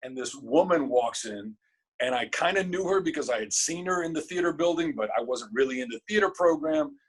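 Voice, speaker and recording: A man, a guest in an interview, telling a story in a casual, animated and emotional way, cursing freely. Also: on the high side, a little fast, slightly rough, poor audio.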